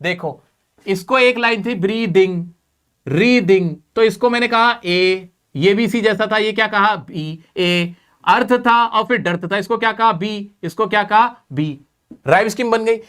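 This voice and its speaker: A man's voice: sits high, unhurried, fairly bright tone, clean tone. A man teaching an exam-prep class, repeating key points and quizzing his students.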